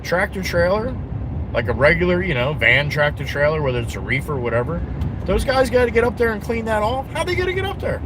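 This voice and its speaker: A man's voice: high voice, a little fast. Rambling New man chatting from his car. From New Jersey. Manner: rambling, self-interrupting, blunt, answers chat viewers. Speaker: live streamer. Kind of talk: casual live-stream chat while driving. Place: inside a car on the road. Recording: steady car road noise. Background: car engine and road noise.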